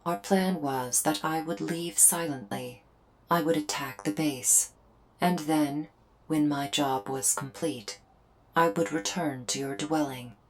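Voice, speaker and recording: A woman's low voice, taking it slowly, gives life to a solemn alien soldier from an invading force in an audio drama roleplay. She explains with earnest, stilted, formal and literal wording, while music plays in the background.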